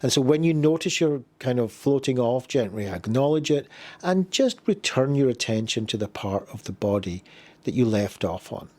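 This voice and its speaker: With an animated, medium-pitched voice, a man offers gentle, unhurried directions for a guided body scan meditation, leaving pauses between his phrases.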